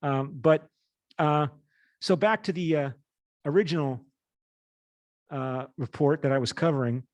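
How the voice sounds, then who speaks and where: Lecturing at a university, this man in his late fifties reads passages and explains them in a hesitant way, circling back to reword. His pitch leans high, with no echo in the recording.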